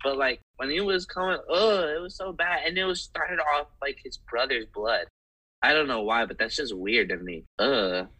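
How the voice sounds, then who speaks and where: Bright, husky man, animated rambling. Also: medium pitch, normal speed, rough recording. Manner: animated, rambling, squeamish exclamations. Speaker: podcast guest. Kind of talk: casual chat.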